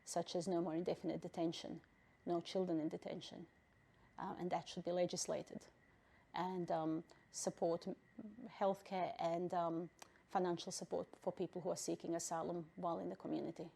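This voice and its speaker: Pausing frequently and leaning on fillers, a middle-aged Bosnian woman who heads a refugee council gives considered answers in an interview. Her low voice barely moves in pitch, carries vocal fry, and sounds dark and slightly rough.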